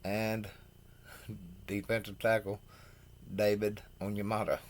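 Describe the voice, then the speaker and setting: A man hosting a football news show, reading signings from his notes with halting pauses, stumbling over names and adding blunt opinions. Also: fairly low pitch, little pitch movement. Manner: opinionated asides. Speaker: host.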